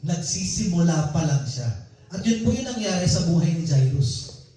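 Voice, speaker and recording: A man's voice: fairly high pitch, sing-song, normal speed, warm tone. A man preaching a sermon in a personal, conversational storytelling way, heard in a church hall. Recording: very echoey hall, voice from far off.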